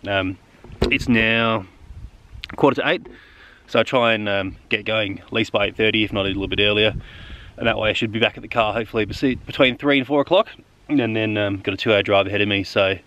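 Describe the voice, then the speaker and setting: An Australian man in his thirties talking casually to camera on a clifftop in the bush, relaxed and rambling with many fillers. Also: on the low side, fairly quick, a little hiss or hum. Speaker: solo hiking vlogger. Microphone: camera mic at arm's length.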